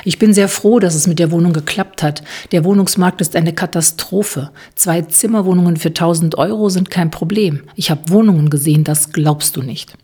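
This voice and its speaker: A relaxed middle-aged man who dodges questions with easy chatter, read by a woman narrator in her own low voice. The tone stays breathy and husky. It sounds like an audiobook scene. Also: normal speed, few pauses. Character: man in his fifties, evasive, easygoing tango dancer.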